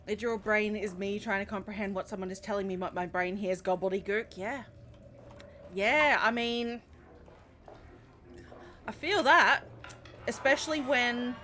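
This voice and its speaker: A young Australian woman commentating live as she plays a video game, animated, swearing and laughing often. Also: medium pitch, slight background noise. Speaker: streamer.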